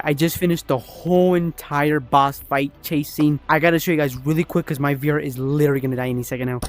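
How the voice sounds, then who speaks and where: A young man casually narrating his progress building a level in a VR game, chatty and rambling, often correcting himself. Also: mid-range voice. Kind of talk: casual gaming vlog narration.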